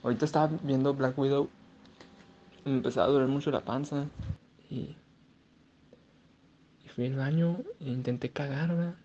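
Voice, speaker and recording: A man's voice: mid-range voice, steady tone, normal speed, long pauses, mellow, dull audio, slight background noise. A queasy young man with a Mexican accent, rambling crudely in a casual video diary. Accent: Mexican Spanish.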